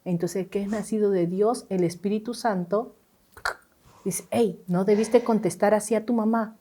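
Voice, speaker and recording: A woman's voice: mid-range voice, steady tone, normal speed, warm tone, a little hiss or hum. Earnest woman co-hosting a faith chat. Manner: earnest, emphatic, repeats key points. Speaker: co-host.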